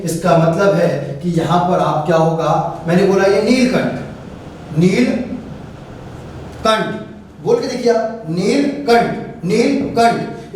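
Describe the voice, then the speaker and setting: A man's voice: sits high, a little mellow, distant mic, a little hiss or hum. A man teaching Hindi grammar in a classroom style, asking questions and answering them himself. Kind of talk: classroom lesson explaining grammar. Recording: very echoey room, voice away from the mic.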